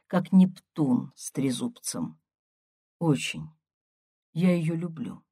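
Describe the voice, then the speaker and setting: A woman reading a first-person story aloud as an audiobook in a measured, unhurried way. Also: sits low, mellow, breathy edge, dry recording, studio quality. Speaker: audiobook reader.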